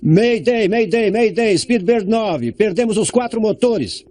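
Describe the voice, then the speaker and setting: Pilot yelling mayday over the plane radio, high strained voice, dark tone, sounds far off. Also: male voice, animated, unhurried. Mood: urgent distress. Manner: urgent, raised distress call. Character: male airline captain calling a distress mayday. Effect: heard over an aircraft radio. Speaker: airline pilot.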